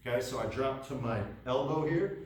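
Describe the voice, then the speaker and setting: A man's voice: mid-range voice, normal speed. A winded man coaches a kettlebell workout, calling out each step of the moves. He sounds far from the mic in a very echoey gym. Faint room noise sits behind him. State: out of breath. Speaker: fitness coach. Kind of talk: workout instruction.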